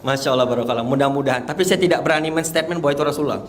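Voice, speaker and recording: A man in his thirties giving an earnest, animated religious testimony to an audience. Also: mid-range voice, very fast, slight background noise. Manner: earnest, animated storytelling with rising excitement. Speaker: guest giving a personal testimony.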